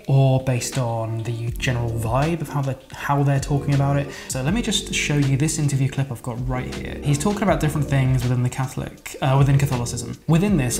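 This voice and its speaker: A man walking through video editing steps in a casual, chatty tutorial, relaxed and loose with his wording. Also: mid-range voice. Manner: chatty, relaxed, with fillers and laughs. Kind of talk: casual screen-recorded tutorial.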